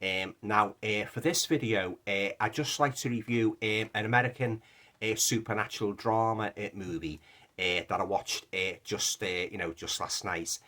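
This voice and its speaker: A man with a Liverpool accent casually reviews a movie for a film vlog, his fairly low voice throaty from a lingering cough. He speaks at normal speed with a steady, sharp tone, rambling with lots of fillers and restarts.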